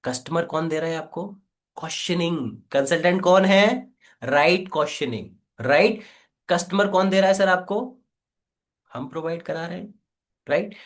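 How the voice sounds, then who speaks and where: Energetic male sales coach, slightly high voice, pushy call-and-response teaching. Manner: energetic, coaxing, repeats "right?" and "quickly". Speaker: affiliate marketing trainer. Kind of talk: live online training session.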